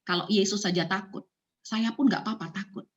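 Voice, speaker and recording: A woman's voice: mid-range voice, fairly quick. A woman in her thirties giving a conversational sermon on parenting, asking many rhetorical questions and slipping in English phrases. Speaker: church speaker.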